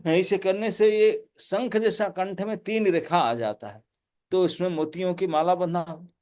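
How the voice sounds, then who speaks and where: High voiced monk giving a devotional talk, animated storyteller, laughs a lot. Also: male voice. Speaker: monk and preacher.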